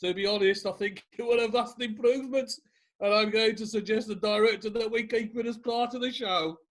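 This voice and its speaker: Blunt, gossipy Yorkshire witness, played by a man, higher than most men. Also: steady tone, a little fast, fairly bright tone. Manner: blunt, chatty, dialect speech.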